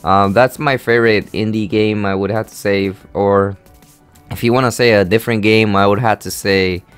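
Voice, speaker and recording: Easygoing eighteen-year-old guy, smooth low voice. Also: fairly even intonation, normal speed, faint music behind. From Honduras. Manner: rambling, filler-heavy, easygoing. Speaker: gaming channel host. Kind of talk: casual Q&A vlog.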